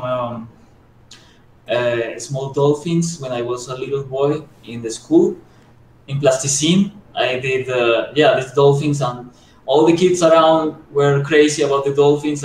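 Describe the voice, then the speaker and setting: A man from Colombia answers interview questions in a modest, halting way, with lots of fillers and restarts. His voice is heard from a distance in an echoey room. A faint hiss sits under the recording. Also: mid-range voice. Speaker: guest sculptor.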